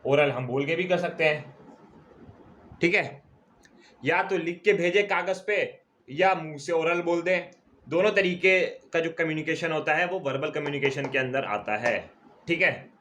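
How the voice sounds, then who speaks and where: Man teaching a lecture, slightly higher voice. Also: a bit bright. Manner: repeats key terms slowly, checks in with "ठीक है". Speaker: commerce teacher. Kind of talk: classroom lecture.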